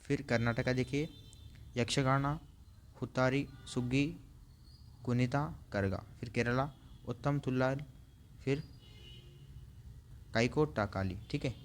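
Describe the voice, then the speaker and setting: A male teacher giving an online class, reading out long lists, slowing down on hard names and adding frequent fillers. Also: medium pitch, a little hiss or hum. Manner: reads out lists, adds frequent "theek hai" fillers; slows down to spell out hard names.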